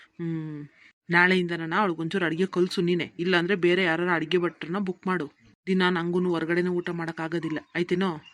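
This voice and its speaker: Cartoon: gruff older male politician, played by a woman, grumbling, dry close sound. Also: on the low side, little pitch movement, brisk, no room sound, lightly acted. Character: stern older male politician, father-in-law. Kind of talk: cartoon voice acting.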